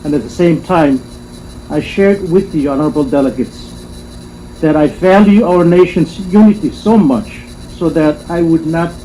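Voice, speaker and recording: Male delegate, formal speech, mellow tone, faint live-stream noise. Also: a little high, low-quality recording. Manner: measured, emphatic repetition. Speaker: convention delegate. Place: assembly hall.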